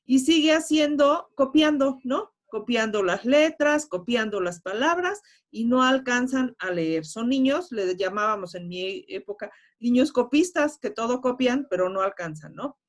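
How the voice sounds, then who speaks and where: A woman's voice: fairly high pitch, lively intonation, unhurried. A woman moderating a webinar, reading out audience questions in an encouraging, conversational way.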